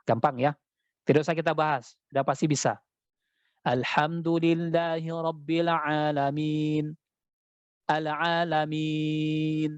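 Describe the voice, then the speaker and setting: A man teaching Quran recitation in an online class, chanting verses slowly and then explaining them quickly, heard over dull call audio. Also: medium pitch, dry recording. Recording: dull, lo-fi dry sound.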